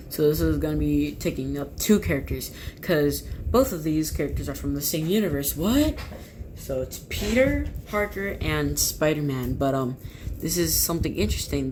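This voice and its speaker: A speaker casually showing off custom toy figures, rambling and often correcting themselves mid-sentence. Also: medium pitch. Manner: rambling, with frequent self-corrections. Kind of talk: casual show-and-tell. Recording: clear background noise.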